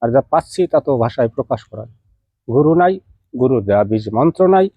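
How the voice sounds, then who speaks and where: A man's voice: mid-range voice, expressive, quick pace, dry recording. A man speaking in an explains folk remedies to his viewers in an easy, chatty teaching manner. He breaks in with direct questions to his listeners as he goes. The recording is dry and dull, with a lo-fi tone. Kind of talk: casual spoken instruction to viewers.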